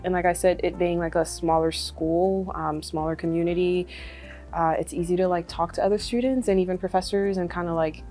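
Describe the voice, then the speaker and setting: A medical student from Congo in her twenties speaks a little fast in a mellow, lowish voice with fairly even intonation. She keeps things casual in this testimonial interview, laughing frequently and using many fillers. Music plays faintly in the background.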